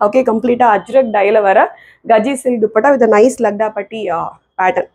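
A woman's voice: fairly high pitch, racing, darkish tone. A middle-aged woman with a Tamil accent presents products informally in repetitive, emphatic sales patter, mixing languages, on a lapel mic in a small room. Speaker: clothing seller presenting products. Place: small tiled indoor room. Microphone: clip-on lapel mic.

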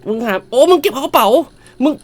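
A woman commentating a shop game, loud and exclamatory, swearing playfully at the game characters and now and then switching to a polite clerk voice. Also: high voice, animated, very fast. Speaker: gamer. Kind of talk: let's-play commentary.

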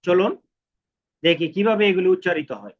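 A man teaching a language lesson, chanting syllables in slow repetition and asking and answering his own questions. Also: sits high, very animated, dull audio. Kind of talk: recorded alphabet lesson.

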